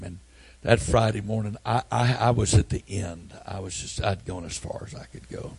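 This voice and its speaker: An older pastor preaches with earnest, repetitive storytelling that rises from hushed tones to near-shouting. His voice is fairly low, creaky, and slightly rough.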